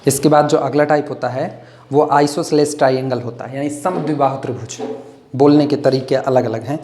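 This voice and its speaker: A man's voice: medium pitch, steady tone, a little mellow. Man dictating math notes, echoey room. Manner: slow dictation of formulas word by word; explains with homely comparisons. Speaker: math teacher. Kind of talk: classroom lecture, dictating notes.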